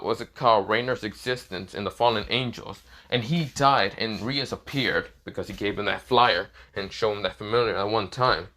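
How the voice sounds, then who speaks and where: A man's voice: fairly low pitch, fairly bright tone. A man improvising a fan story aloud, rambling and leaning on the same filler phrases. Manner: rambling, repeats "this is where, well".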